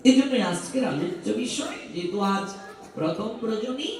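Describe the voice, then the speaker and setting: A man with a Bangladeshi Bengali accent preaching a devotional sermon, asking rhetorical questions and chanting Sanskrit mantras slowly. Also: high-pitched, lively intonation. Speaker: scripture reader and preacher. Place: open-air festival ground at an ashram. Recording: very echoey, distant PA sound.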